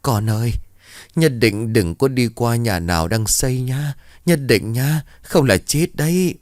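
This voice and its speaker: A man's voice: animated, a little slow, darkish tone, no echo, studio quality, lightly acted. A man voicing a frantic grandmother in her eighties who wails her warnings. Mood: wailing, frantic. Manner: shrill, wailing warnings. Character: elderly grandmother, over eighty, frantic and wailing.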